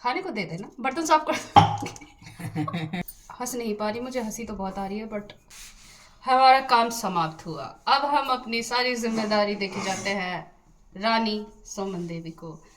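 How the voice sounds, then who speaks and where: A young woman vlogs casually from home, chatting and giggling playfully to camera through a drying face mask. She speaks at a normal pace in a mid-range voice, with noticeable noise in the background.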